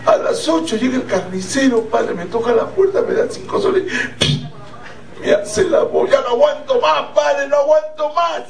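Coy young confessing woman, a man in falsetto, very high voice, echoey and distant. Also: lively intonation, moderate pace, creaky, full character voice. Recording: echoey hall from far off.

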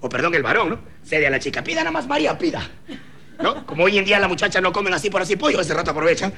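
A man's voice: sits high, rapid-fire, pushed and bright. A man casually telling a joke, explaining step by step and asking his listeners to agree. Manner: explaining, asks "¿no?" often. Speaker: joke teller.

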